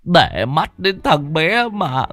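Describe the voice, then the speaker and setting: A man voicing a frail, sick old man who wheezes and wails in a drawn-out way. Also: fairly high pitch, big pitch swings, fairly bright tone, no room sound, faint music behind, pitched above the performer's own voice, full character voice. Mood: lamenting.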